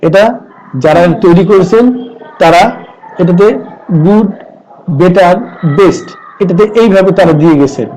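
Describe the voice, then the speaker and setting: A middle-aged man with a Bengali accent, teaching an online grammar lesson and slowly repeating lists of words. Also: high voice, steady tone, dark tone, low-quality recording. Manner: slow, deliberate, repeats word lists. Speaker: English teacher.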